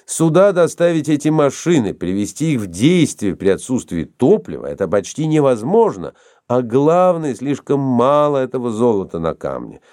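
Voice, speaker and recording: A man reading a storybook, voicing a cool, sceptical older expert who speaks calmly and drily. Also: medium pitch, no room sound, lightly acted. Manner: calm, dry, measured.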